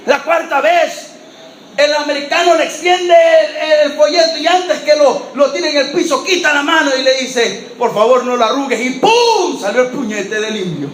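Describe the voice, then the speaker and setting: Pastor de voz muy aguda predicando. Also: male voice, very high-pitched, moderate pace, slight background noise. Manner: lively storyteller, acting out voices, often shouting. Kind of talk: sermon storytelling. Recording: echoey church hall with faint ambience.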